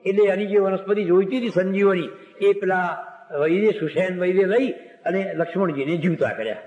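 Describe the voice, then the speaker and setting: A man giving a devotional discourse, retelling scripture stories in a lively, animated way. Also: high voice, brisk. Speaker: religious storyteller. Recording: echoey hall with long reverb.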